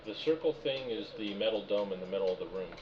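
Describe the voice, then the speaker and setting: A game master with a fairly low voice speaks fast while narrating a tabletop game session, reading room descriptions and patiently answering players. The audio comes through a muffled voice call with background noise.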